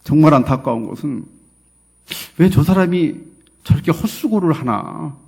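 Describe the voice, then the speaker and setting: A middle-aged man preaching a sermon as a pastor, telling stories with quoted dialogue and swinging between loud and soft. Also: a little high, lively intonation, normal speed, gravelly, slightly rough. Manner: storytelling with quoted dialogue, emphatic and swinging in loudness. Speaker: associate pastor.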